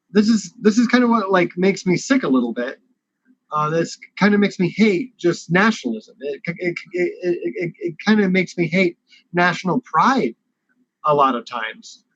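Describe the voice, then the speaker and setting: A man's voice: high voice, a bit bright, no room sound. A man talking with passion in a casual online panel discussion, often stopping and restarting his sentences. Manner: impassioned, halting with many restarts. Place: at home at a computer. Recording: dry, muffled web call audio.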